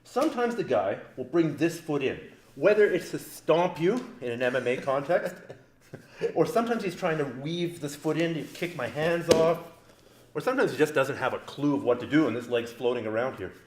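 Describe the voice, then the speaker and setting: The sound here is reverberant with slight background noise. A man with a slightly high, expressive voice teaches grappling at a moderate pace on a training mat, joking casually while demonstrating each step on a partner.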